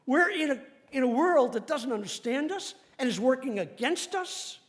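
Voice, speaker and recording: Preaching at a moderate pace, a male pastor gives a sermon in a remarkably high voice. His delivery is animated and emphatic, with wide pitch swings and frequent laughter as he drives home his points.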